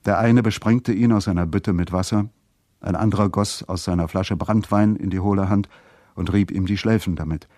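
A man reading a literary story aloud in a steady, measured narrating voice. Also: deep voice, no room sound, clean studio sound. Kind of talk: scripted narration.

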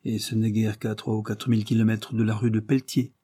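A man's voice: fairly low pitch, flat delivery, brisk, dark tone, breathy edge, dry recording, clean studio sound. A man voicing a teasing, haughty aristocratic princess in an audiobook reading. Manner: mocking, teasing.

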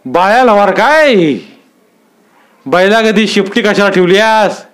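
A man's voice: high voice, measured pace, fairly bright tone, clean tone, voice pushed up. A male storyteller voicing a harsh, domineering village landlord who barks menacing orders and questions. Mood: commanding. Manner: bellowing, menacing interrogation. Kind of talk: dramatic storytelling.

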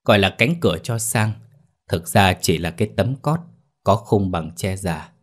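A man narrating a scripted ghost story in a steady storytelling delivery. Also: deep voice, moderate pace. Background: faint music.

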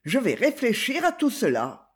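Man playing a fussy penny-pinching creditor, fretful, muttering, high lively voice. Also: moderate pace, slightly rough, full character voice.

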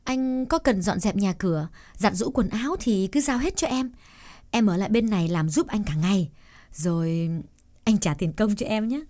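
A woman voicing a shy young village woman in love, speaking softly and hesitantly with stammers in an audiobook drama reading. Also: mid-range voice, lively intonation, normal speed, close to an everyday voice. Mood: eager.

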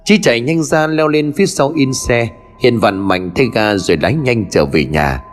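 Man, animated horror narration, faint music behind. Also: mid-range voice, normal speed. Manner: expressive, lively storytelling. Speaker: storyteller.

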